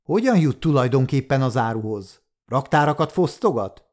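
Man voicing a crafty greedy fence, sly questions, animated intonation. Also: mid-range voice, natural voice. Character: sly, greedy older male shopkeeper fence.

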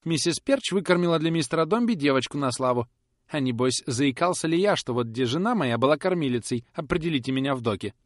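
A man's voice: a little high, lively intonation, fast, dry recording, clean studio sound, voice pushed up, lightly acted. A man voicing a fawning middle-aged office messenger who rambles and complains in an obsequious way.

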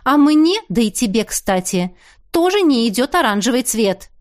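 A woman voicing a cool, sharp-tongued lawyer who answers dryly and sternly. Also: fairly high pitch, big pitch swings, moderate pace. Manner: dry, stern.

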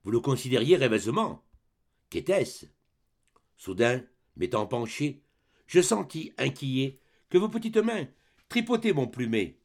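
A man's voice: medium pitch, sing-song, unhurried, pauses often. A man reading the part of a boastful old grenadier sergeant, declaiming rhythmic verse in a dramatic reading of a play. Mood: storytelling.

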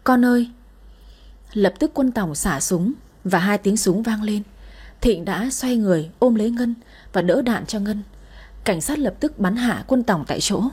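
A woman's voice: medium pitch, animated, moderate pace, darkish tone, slightly rough. A woman narrating a dramatic family story in the first person, voicing each character herself.

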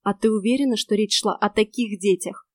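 A woman's voice: mid-range voice, a little fast, no echo, clean studio sound, close to an everyday voice. A woman voicing a loyal, earnest young male werecat in an audiobook, speaking in a pleading way.

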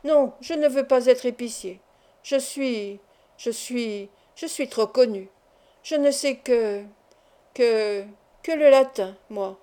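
A woman's voice: on the high side, slow, dark tone, clear, resonant tone. A woman voicing a timid, tipsy old male Latin teacher who stammers, in a storybook reading. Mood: flustered.

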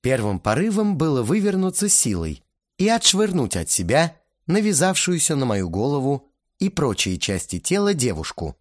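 Wry, lively male audiobook narrator. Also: medium pitch, dry recording, clean studio sound. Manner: wry, sardonic storytelling. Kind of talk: audiobook narration in first person.

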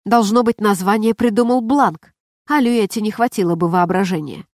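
A woman voicing a flamboyant, lively young male actor in a storybook, exclaiming eagerly. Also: medium pitch, normal speed, no echo, clean studio sound, natural voice. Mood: excited.

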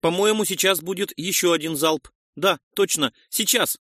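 A jumpy young arena fighter, loud and high-pitched, shouts warnings at the others, as a man puts him on. The voice sits well above the reader's own and comes across close and dry, like an audiobook. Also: moderate pace, no room sound. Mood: alarmed shouting. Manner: shouting, alarmed. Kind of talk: audiobook reading.

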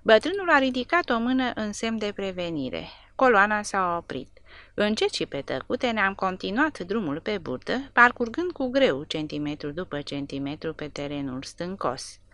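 A woman narrating a war novel as an audiobook with an expressive, dramatic reading. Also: medium pitch, no echo.

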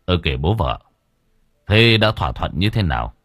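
A man's voice: deep voice, sing-song, moderate pace, fairly bright tone, no room sound, studio quality, soft background music, exaggerated voice. A man reading an audio story and voicing a smug wealthy man who talks down to his father-in-law. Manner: smug, condescending.

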